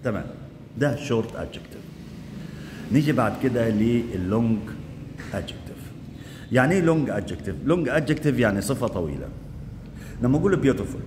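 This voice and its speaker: A man teaching English grammar in Egyptian Arabic. He asks quick questions and answers them himself, and he drills the word forms aloud. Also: mid-range voice, long reverb tail, background noise. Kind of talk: classroom grammar lesson.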